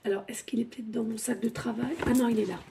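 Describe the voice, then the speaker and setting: A woman doing a spiritual card reading, excitable and thinking out loud as she draws cards. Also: fairly high pitch, fast talker, noisy background. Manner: excitable, thinks aloud, breaks into song. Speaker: tarot card reader.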